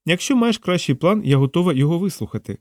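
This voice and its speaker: A man voicing a tough, blunt female shuttle pilot in an audiobook, raising his pitch for her and speaking curtly. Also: expressive, fast, no room sound, clean studio sound, lightly acted. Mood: tense.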